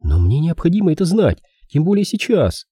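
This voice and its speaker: A man voicing a desperate nineteen-year-old woman in an audiobook, high and pleading. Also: sing-song, a little fast, warm tone, slightly rough, no echo, studio quality, exaggerated voice. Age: young adult.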